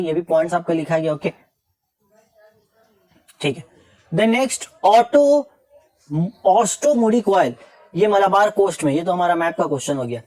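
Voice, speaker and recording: A young man teaching an exam revision lesson, reading questions out slowly, then explaining with casual jokes and teasing scolds. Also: sits high, a little mellow.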